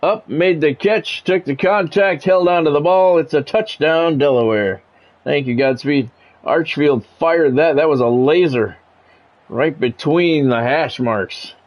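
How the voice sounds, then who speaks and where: In a slightly high, unhurried voice, a middle-aged man gives radio-style play-by-play of a football video game he's playing. His delivery is clipped, broken up by informal side comments.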